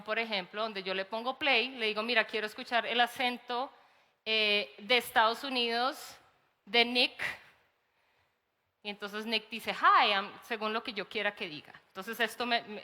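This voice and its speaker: Bright-voiced Colombian woman in a hall. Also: a little high. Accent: Colombian Spanish. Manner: lively, animated storytelling with acted quotes and laughs. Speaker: conference speaker, teacher. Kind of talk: conference talk. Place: large conference hall.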